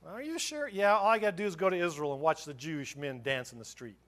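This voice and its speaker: Brief: middle-aged male pastor, high-pitched, fervent sermon delivery with stumbling repeats. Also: lively intonation, fast talker, fairly bright tone. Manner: impassioned, repeats words and restarts, chuckles between points.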